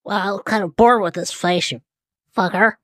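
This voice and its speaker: A woman's voice: mid-range voice, normal speed, no room sound, clean studio sound. A woman playing a tabletop game, brash and swearing as she threatens in character. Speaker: player.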